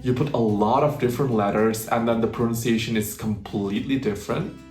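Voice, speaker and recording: A man explaining pronunciation in a video lesson, patiently slowing down to demonstrate words. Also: mid-range voice, a little mellow, faint music behind. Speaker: language teacher. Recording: roomy, echoey room.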